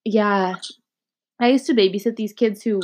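A young woman co-hosts a relaxed podcast chat and runs through the list of topics. Her mid-range voice is steady and darkish at a normal speed, and she hesitates often with plenty of "um" and "like."

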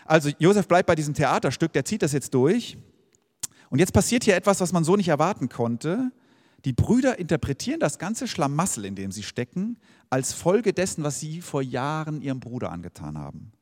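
A man's voice: a little high, very animated, brisk, darkish tone, in a large hall. A man preaching a sermon in a conversational way, posing rhetorical questions to the congregation. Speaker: pastor. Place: church service hall.

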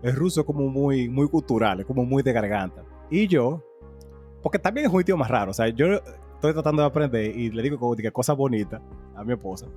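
A young man, co-hosting a casual podcast and telling animated stories with frequent laughter. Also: medium pitch, quick pace, soft background music. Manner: animated storyteller, laughs often. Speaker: podcast co-host.

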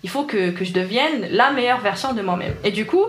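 Her medium-pitched voice is expressive, fairly quick and fairly bright as this Algerian engineer in her twenties reflects sincerely on her experience in an interview. She speaks French with an Algerian accent, her first language being Arabic, and the space is reverberant.

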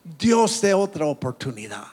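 A man's voice: on the high side, unhurried, breathy edge. A man preaching a sermon as pastor, calling out amen often and stumbling over words. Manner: animated preaching with frequent call-outs of amen; stumbles and restarts words, laughs at own slips.

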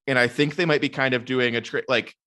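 A man co-hosting a podcast in casual chat, making his points in a measured, reasoned way. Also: medium pitch, fairly even intonation, sharp tone. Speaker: podcast co-host.

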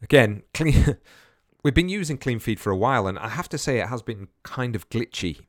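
Speaking solo on his podcast, this man has a mid-range, animated voice at a moderate pace. He's chatty and meandering, frequently backtracking and repeating himself. The remote headphone setup gives clean studio audio with no room sound.

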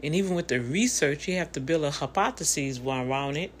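A woman in her fifties gives a casual, preachy motivational talk, addressing her listeners directly in a conversational way. Her voice sits low and moves fairly quickly, carrying a slight hiss or hum.

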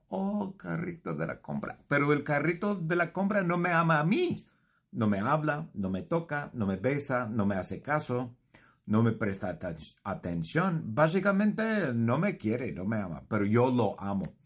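Animated husky man telling a silly story. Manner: playful, animated, jumps into high shouted voices. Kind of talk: improvised comic story narration.

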